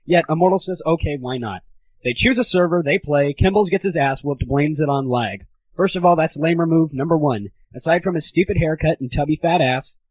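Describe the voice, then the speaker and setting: Slightly high with a breathy edge, this teen's voice comes across on a dry yet dull lo-fi 1990s internet recording. He hosts a gaming audio show with a casual comedy monologue that's crude, irreverent and mock-grandiose.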